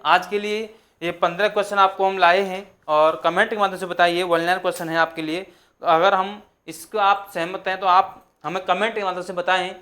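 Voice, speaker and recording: Young male tutor, fairly high voice, slow repetitive dictation of lesson points. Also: fairly bright tone. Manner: repetitive, dictating terms slowly for notes. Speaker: teacher. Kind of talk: exam-prep lesson.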